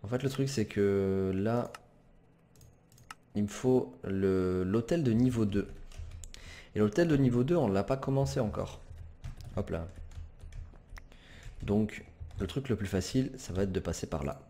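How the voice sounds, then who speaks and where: A man's voice: lowish voice, expressive, unhurried, pauses often, mellow. A man commenting as he plays a game, hesitant and chatty, with many fillers and self-corrections. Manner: apologizes for swearing, casual and chatty. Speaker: gamer commentator. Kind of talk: let's play commentary.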